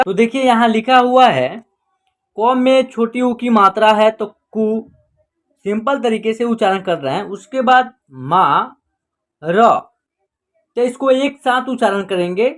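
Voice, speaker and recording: A woman teaching Hindi reading online. She explains patiently and repeats herself, drawing out single syllables one by one and often adding the filler "jo hai na". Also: a little high. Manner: patient, repetitive, slowly sounding out syllables. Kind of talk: explanatory lesson narration.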